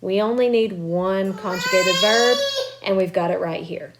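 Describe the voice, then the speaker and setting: Working from home while children are close by, this Spanish teacher walks students through grammar step by step, patient and encouraging. She has a medium-pitched voice at normal speed, and the recording is very noisy.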